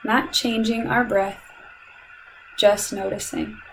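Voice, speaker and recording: A woman's medium-pitched, gravelly voice guides a meditation at a very slow pace, calm and soothing, with measured instructions and long pauses. The audio is poor, with light background noise behind her.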